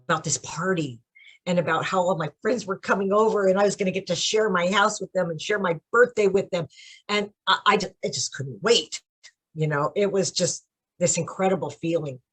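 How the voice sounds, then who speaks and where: A woman's voice: on the low side, a bit bright, husky. A middle-aged woman, a children's book author, chatting animatedly in an interview over a video call, laughing often and getting emotional. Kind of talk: casual interview.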